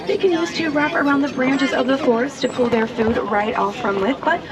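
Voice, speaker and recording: High-voiced woman guide over loud crowd noise. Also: fairly quick, rough recording. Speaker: safari tour guide. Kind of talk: rehearsed guided-tour commentary. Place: open safari truck outdoors. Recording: loud crowd and vehicle, outdoor ride. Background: crowd chatter and vehicle rumble.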